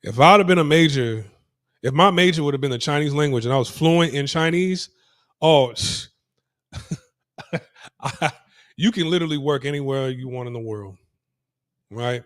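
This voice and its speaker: This vlogger's voice is a little high and a bit bright, at a normal speed with long pauses, recorded at studio quality with no room sound. A native English speaker, he chats casually to viewers while walking city streets, rambling with many restarts and repeated phrases.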